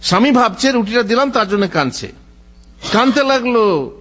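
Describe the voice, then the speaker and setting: A male Islamic preacher giving a sermon in an animated storytelling way, quoting Arabic and then explaining it. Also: very high-pitched, normal speed. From Bengal. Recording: dull lo-fi audio.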